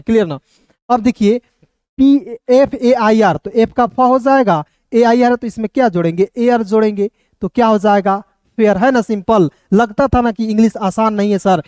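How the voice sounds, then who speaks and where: High-voiced man teaching English phonics. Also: a little mellow, dry recording, studio quality. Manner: drills words, spells them out letter by letter and slowly; keeps asking the viewers questions, calling them friends. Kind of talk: spoken phonics lesson for Hindi speakers.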